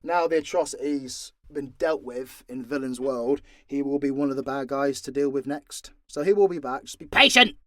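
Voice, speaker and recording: A British man with a mid-range voice answers fan questions off the cuff at a moderate pace, barely pausing, his tone sharp and free of echo. He's an audio drama creator and voice actor, and his casual Q&A manner is blunt, sweary and full of jokes.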